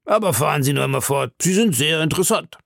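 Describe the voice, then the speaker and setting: A man reading an audiobook, voicing a blunt, hearty harpooner with a gravelly voice. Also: a little high, animated, fast talker, no echo, clean studio sound, voice pushed up. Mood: gruff. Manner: blunt, impatient retorts. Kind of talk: audiobook character voice.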